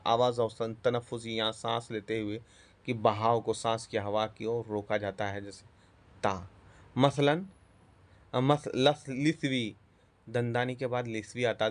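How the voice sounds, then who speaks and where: Man lecturing, halting delivery, self-corrections, mid-pitched voice. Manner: halting, self-correcting, mixes English terms. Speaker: teacher. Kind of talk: spoken lecture on phonetics.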